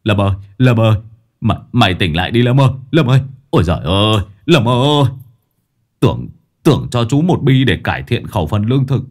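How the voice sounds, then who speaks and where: A man voicing a melodramatic male addict friend who wails a loud singsong lament. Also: lowish voice, very animated, fairly quick. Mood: wailing lament.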